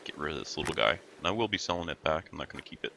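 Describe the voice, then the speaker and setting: A man with a gravelly early-morning voice gives casual commentary over a game he is playing, rambling and muttering to himself as he goes. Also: rumbling low, animated, rapid-fire, noisy background. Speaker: let's play host.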